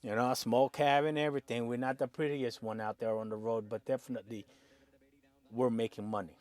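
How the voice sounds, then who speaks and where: A man who drives his own truck, talking casually and excitably through auction prices, often saying "man" and chuckling. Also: mid-range voice, brisk. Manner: animated, excitable, peppers talk with "man" and chuckles. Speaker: owner-operator truck driver.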